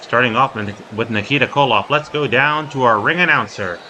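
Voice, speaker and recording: A man's voice: medium pitch, moderate pace, pushed and bright, poor audio. A man hosting a wrestling broadcast, giving sports commentary and play-by-play. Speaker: wrestling commentator and show host. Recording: clear background noise behind the voice.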